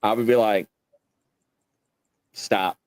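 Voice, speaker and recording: A show host in his late forties talks casually in a lowish, fairly even voice, speaking slowly. He tells rambling, folksy anecdotes with emphasis, dramatizing quoted exchanges. The recording has no room sound.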